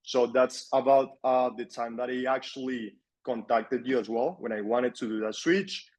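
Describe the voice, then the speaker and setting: Relaxed and at an ordinary pace, a young adult man from Colombia talks in a mid-range voice during a casual interview where he's the guest. He owns an agency and tends to repeat words to stress them.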